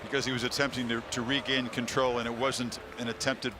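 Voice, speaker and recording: A man's voice: medium pitch, level tone, a little fast, background noise. A man calling live football play-by-play as a broadcast announcer.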